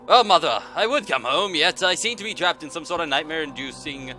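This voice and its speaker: Streaming a horror game over game music, this man talks in a casual, profane let's-play style, jumpy, scared and sarcastic, with plenty of swearing and exclamations. His voice sits on the high side, fairly quick and sharp-toned, with lively intonation.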